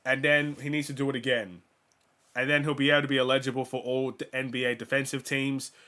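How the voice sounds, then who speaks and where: Talking fast in a flat, mid-range voice, a young fan host runs a watchalong with casual play-by-play and rapid stats. He's sick and his voice is starting to go, but he gets louder when a big play lands.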